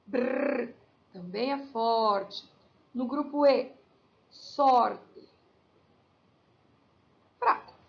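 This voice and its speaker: A woman's voice: on the high side, creaky, muffled recording. A woman teacher with a Brazilian Portuguese accent, patiently explaining a lesson to children step by step and checking in with little tag questions. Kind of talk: recorded class lesson for children.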